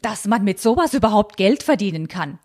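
A woman's voice: medium pitch, animated, brisk, darkish tone, lightly acted. A woman reading aloud and voicing a fussy, anxious, old-fashioned elderly aunt who frets about convention. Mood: fretful. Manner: fretful, scandalized, clinging to convention.

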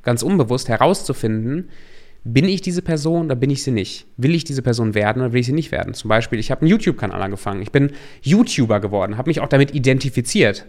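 A man's voice: mid-range voice, expressive, quick pace, darkish tone. A man from Germany, a coach hosting a podcast, talking earnestly and reflectively to the listener in a personal monologue.

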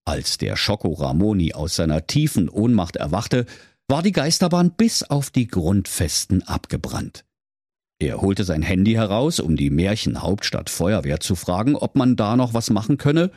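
Lively playful male storyteller. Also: fairly low pitch, moderate pace, no echo, studio quality. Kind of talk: comic fairy-tale narration for children.

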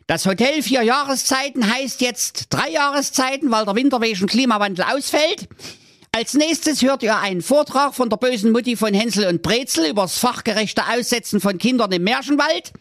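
A man's voice: very high voice, animated, fairly bright tone, no room sound, studio quality, pitched above the performer's own voice, heavily acted. Man doing a sugary wicked stepmother. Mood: mock-sweet. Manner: brisk, mock-sweet announcer tone. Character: scheming wicked stepmother chairing a conference.

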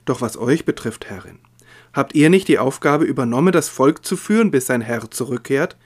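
A man reading the lines of a stern, grave warrior and heir of kings in a calm, measured voice. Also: mid-range voice, husky.

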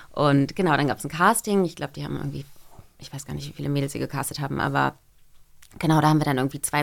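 Here a woman voice actress, on a podcast as a guest, has a low, gravelly sound. It's relaxed interview chatter, peppered with little fillers and frequent restarts.

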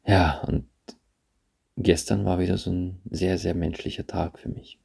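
Deep gravelly-voiced man musing to listeners. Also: little pitch movement, a little mellow. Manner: reflective, halting, repeats phrases. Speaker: podcast host. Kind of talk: personal monologue to listeners. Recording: handheld phone, voice drifts off-mic at times.

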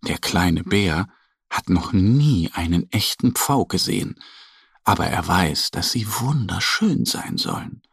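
A man narrating a children's story in a calm, gentle storytelling manner. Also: low voice, takes it slowly, creaky, husky, no room sound, studio quality.

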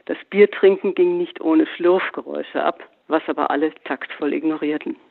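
A man reading a literary story aloud in a measured narration. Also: on the high side, gravelly, no echo. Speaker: reader. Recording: phone-like narrow band.

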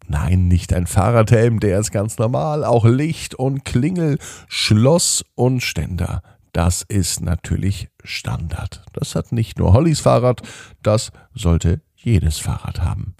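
A man's voice: fairly low pitch, gravelly, mellow, slightly rough, no echo, clean studio sound. A man hosting and narrating bedtime stories for children, addressing young listeners directly in simple, explanatory phrases. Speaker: podcast host and bedtime storyteller.

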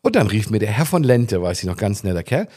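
A middle-aged man chatting casually on a podcast, telling lively stories and acting out other people in quotes. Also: lowish voice, quick pace. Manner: animated anecdotes, voices others in quotes. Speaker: podcast guest. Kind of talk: casual storytelling chat.

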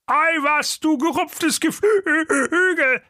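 A man doing a high, bossy donkey. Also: slow pace, pushed and bright, no room sound, studio quality, exaggerated voice. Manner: bossy, impatient, bureaucratic. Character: bossy male donkey, laid-off railway crossing keeper. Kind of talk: comic audio fairy tale.

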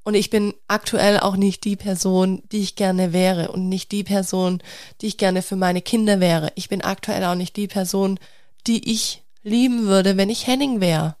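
A woman's voice: medium pitch, steady tone, normal speed, darkish tone, no echo. Candid young mother, dry close voice. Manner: open, searching, talks through restarts. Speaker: mother of two speaking to followers. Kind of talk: candid personal vlog confession.

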